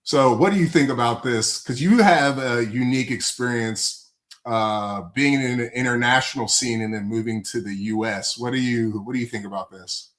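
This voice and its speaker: A man's voice: medium pitch, moderate pace, fairly bright tone. Man chatting in a roomy echo. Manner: rambling, lots of fillers and restarts. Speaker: podcast co-host. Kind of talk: casual sports chat.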